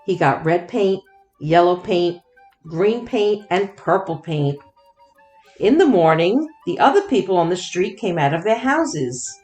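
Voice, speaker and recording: A woman narrating a children's storybook expressively, with deliberate, dramatic phrasing. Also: fairly low pitch, lively intonation, darkish tone, soft background music. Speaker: children's book read-aloud host.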